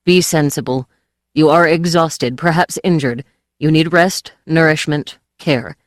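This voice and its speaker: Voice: medium pitch, measured pace, no echo, clean studio sound, close to an everyday voice. A reader voicing a cold, formal alien commander. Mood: coldly formal. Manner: flat, formal, threatening. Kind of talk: audiobook character voice.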